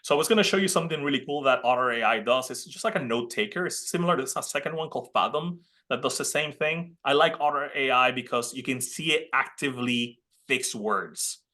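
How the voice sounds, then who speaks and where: A college dean in his thirties from Puerto Rico presents a casual webinar over a video call, heard through a computer mic. His bright, mid-range voice carries a Puerto Rican Spanish accent and moves a little fast with hardly any pauses. He's chatty, often restarting sentences and filling gaps with "uh."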